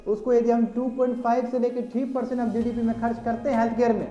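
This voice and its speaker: A man's voice: very high-pitched, little pitch movement, quick pace, warm tone, soft background music. Chatty male teacher, echoey classroom. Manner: chatty, addresses students directly, mixes English terms. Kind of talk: classroom lecture. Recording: echoey classroom, slightly dull.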